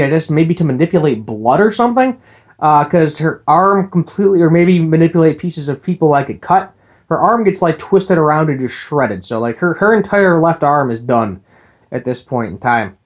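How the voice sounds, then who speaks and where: A man giving a casual, rambling recap of an anime episode, full of ums and uhs, with the odd laugh. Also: on the high side. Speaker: anime reviewer.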